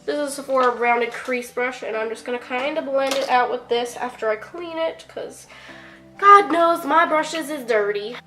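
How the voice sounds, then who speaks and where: A young woman, a beauty vlogger, talks through a makeup tutorial in a high, sharp voice at normal speed, sounding congested and stuffed up from a cold. She's chatty and casual, full of fillers, with the occasional offhand curse, while soft music plays in the background.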